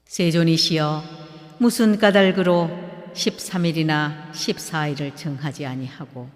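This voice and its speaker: A man's voice: fairly high pitch, measured pace, close to an everyday voice. A devoted young monk disciple, read by a man, pleading in a reverent, formal tone. His voice rings out with a long hall reverb.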